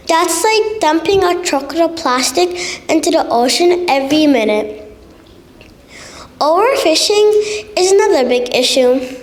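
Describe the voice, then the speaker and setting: A child of nine or ten giving a prepared competition speech in a stiff, memorized delivery. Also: high-pitched. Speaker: contest speaker. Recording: hall with long reverb.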